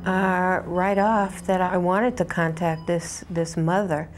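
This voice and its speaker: A woman psychic in an interview, thoughtful and pausing to find her words. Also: fairly low pitch, flat delivery, slight background noise.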